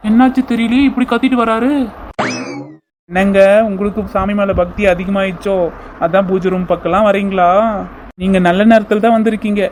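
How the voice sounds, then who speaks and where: ஒருவர் கார்ட்டூனில் கணவரிடம் கவலையோடு கெஞ்சும் பக்தியான இளம் மனைவிக்குக் குரல் கொடுக்கிறார். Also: male voice, sits high, fairly even intonation, a little fast, long pauses, slight background noise, natural voice. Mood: fretful. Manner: pleading, fretful. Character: worried devoted young wife Pushpa. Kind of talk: cartoon voice acting.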